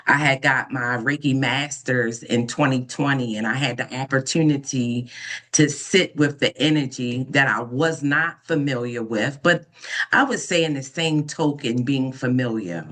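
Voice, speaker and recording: A woman in her fifties from Baltimore, an ordained minister, telling her life story in an interview in an earnest, unhurried way with frequent pauses and soft fillers. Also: very deep voice. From Baltimore, United States. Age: 50s. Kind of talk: reflective personal storytelling in an interview.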